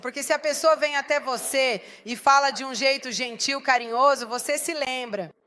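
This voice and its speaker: A woman's voice: high voice, moderate pace, pushed and bright. A woman pastor preaching a sermon, emphatic and putting rhetorical questions to the congregation.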